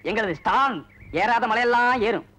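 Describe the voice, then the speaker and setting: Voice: medium pitch, moderate pace, fairly bright tone, slight background noise, natural voice. An actor playing a teasing young man among village friends who mocks the others playfully in a 1990s film.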